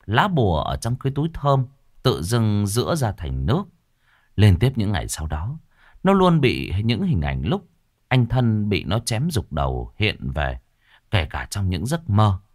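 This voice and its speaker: A man narrates a ghost story in a low voice. His delivery is dramatic and expressive, and his pitch moves widely through each line. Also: a little slow, no echo, clean studio sound.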